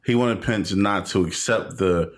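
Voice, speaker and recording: Blunt, profane man with a low voice. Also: measured pace. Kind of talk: casual chat.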